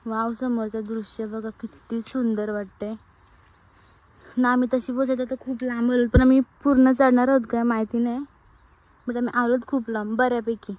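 Speaking at normal speed with a flat delivery, a young woman from Maharashtra, India has a fairly high voice and a darkish tone. She's chatting with friends and narrating a casual vlog on a phone at arm's length outdoors on hillside trails and farm grounds, with English words mixed in. The sound is lo-fi, a noisy outdoor phone recording.

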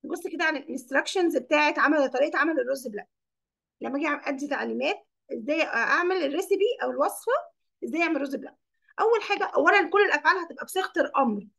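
High gravelly-voiced Egyptian woman teacher. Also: animated, very fast, fairly bright tone. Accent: Egyptian Arabic. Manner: explains English words in Arabic, quizzes pupils by name. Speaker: English teacher. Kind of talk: classroom lesson.

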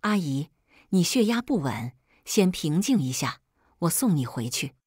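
A stern young man answers curtly, scolding and placating, as a woman narrator puts him on. His voice is low and husky. The sound is dry and close. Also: very animated, unhurried, a little mellow, no room sound, exaggerated voice. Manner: curt, placating the elder, scolding.

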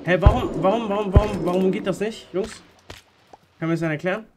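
A man's voice: sits high, quick pace, very noisy. Young man chatting slangily while gaming. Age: 20s. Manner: loose, slangy and hesitant. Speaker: streamer. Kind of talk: casual gaming chat. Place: indoor room.

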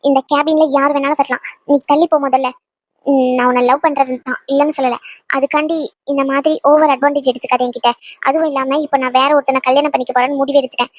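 A woman voicing a firm, fast-talking young woman. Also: sits high, level tone, dry recording, lightly acted. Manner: firm, scolding. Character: young woman turning away her pushy ex. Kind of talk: cartoon dub voice acting.

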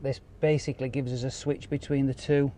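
In a car park and inside a car, an installer explains car audio gear in a relaxed, informal way. He speaks a little fast in a dark, mid-range voice with little pitch movement, recorded clearly on a handheld camera over ambient noise.

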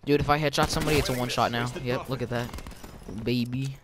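A young man chatting casually with friends while playing a shooter game, giggly and excitable, over a headset. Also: mid-range voice, quick pace, a crowd in the background. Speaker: gamer. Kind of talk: casual gaming chat with friends. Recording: noisy game audio behind.

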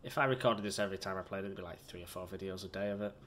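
Rapid-fire and low, with a somewhat bright tone and slight background noise, a gaming host rambles over his gameplay. He drifts from one topic to the next, chatting casually and making fun of himself.

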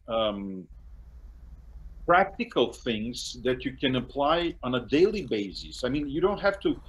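Hosting a casual video-call interview from a room at home, a middle-aged man with a Serbian accent speaks English as a second language. He's the interview host and a course translator, and his medium-pitched delivery is halting, with frequent restarts and little laughs between phrases. The audio from his webcam is poor.

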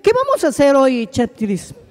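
A man playing an excitable, friendly clown architect in a children's show, repeating himself and exclaiming. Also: very high-pitched, moderate pace, exaggerated voice. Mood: eager, friendly. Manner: repetitive, exclaiming. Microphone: handheld.

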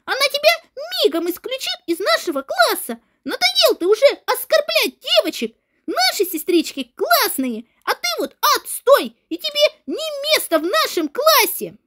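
Fierce indignant schoolgirl, very high and loud, scolding and threatening, as a performer puts her on. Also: wildly swooping pitch, moderate pace, a little hiss or hum, full character voice. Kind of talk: game role-play voiceover.

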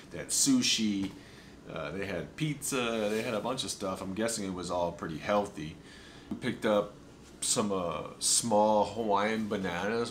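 Young man, very low voice, relaxed travel vlog chat, camera on the table, some background noise. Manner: relaxed, chatty, describes food with enthusiasm. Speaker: vlogger. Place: hotel room and small restaurant.

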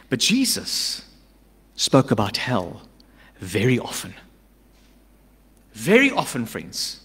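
A middle-aged man preaching a sermon from a church stage into a stand mic, emphatic, swinging between urgent loud lines and hushed asides. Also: high-pitched. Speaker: pastor. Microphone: stand mic at a pulpit. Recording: long church-hall reverb.

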